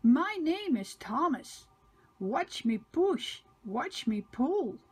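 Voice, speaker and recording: Woman voicing Thomas, an eager high-pitched little engine. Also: drawn-out words, heavily acted. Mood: eager, excited. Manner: excited, repeats short phrases. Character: cheerful, eager young male tank engine.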